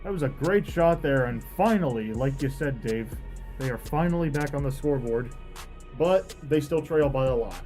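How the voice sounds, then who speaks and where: A man's voice: mid-range voice, animated, moderate pace, a little mellow, faint music behind. A man giving live color commentary on a lacrosse game in a plain, conversational way between plays.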